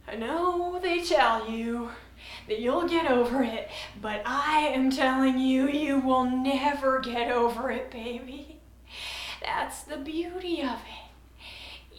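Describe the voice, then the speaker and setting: Woman as a creepy intimate captor, teasing and rambling, high voice, echoey, loud music. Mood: cold intimate. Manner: rambling, teasing, calls listener baby. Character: unsettling, intimate woman captor taunting someone.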